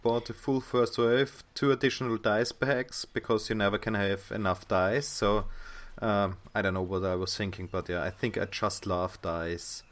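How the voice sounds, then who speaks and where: A man's voice: lowish voice, fairly even intonation, normal speed, hardly any pauses, fairly bright tone. A man co-hosting a casual podcast, talking hesitantly with fillers. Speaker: podcast co-host.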